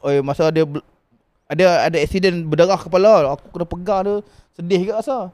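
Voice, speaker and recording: A man's voice: high voice, fairly even intonation, a little fast, darkish tone. A man, chatting casually as a guest father on a podcast and laughing through his stories. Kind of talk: casual chat.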